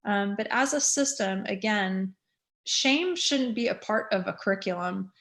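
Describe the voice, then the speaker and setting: With lively intonation and a fairly bright, mid-range voice, a woman in her fifties speaks at a community meeting in her role as school superintendent. She is frank and earnest, often filling pauses with "um."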